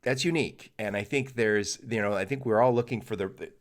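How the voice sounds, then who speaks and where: A man's voice: lowish voice, brisk. A middle-aged man hosting a podcast interview, chatty and joking, with lots of fillers and restarts. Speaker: podcast host. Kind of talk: casual interview chat.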